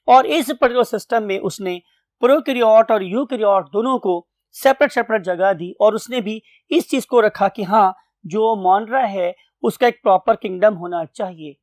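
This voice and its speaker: A man's voice: sits high, a little mellow, no echo. Male biology teacher, explanatory lecture style, sprinkles English terms, dry close sound. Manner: explanatory, mixes English terms, addresses "my dear students". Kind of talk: classroom lecture.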